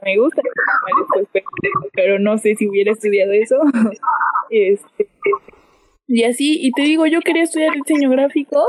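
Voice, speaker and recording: A young woman chatting casually in a relaxed way, laughing easily. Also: a little high, low-quality recording. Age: young adult. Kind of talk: casual chat.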